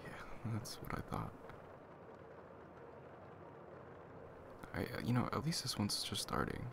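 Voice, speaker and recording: A young man acting as a laid-back, caring best friend in a casual, intimate ASMR boyfriend role-play, murmuring conversationally with a gravelly voice. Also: lowish voice, sing-song, a little fast. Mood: drowsy, chatty. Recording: clear background noise, ambient sound.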